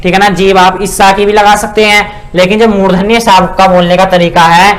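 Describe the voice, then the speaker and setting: High-voiced man teaching pronunciation. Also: level tone, fairly bright tone. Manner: repeats "ठीक है ना" and sounds out syllables slowly. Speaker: Sanskrit grammar teacher. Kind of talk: spoken lesson explaining pronunciation.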